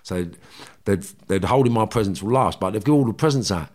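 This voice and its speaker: Scouse bloke, proper liverpool accent, deep voice, chatting candidly about his life like on an interview. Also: animated, a little fast, a little mellow. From Liverpool, England. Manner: colloquial, often checks in with "you know" and "right". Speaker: interview guest. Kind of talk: candid personal storytelling in conversation.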